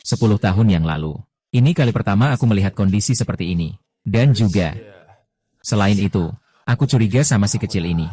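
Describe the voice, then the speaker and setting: A man reading all the parts of a dubbed drama in a flat, unhurried way. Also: fairly low pitch.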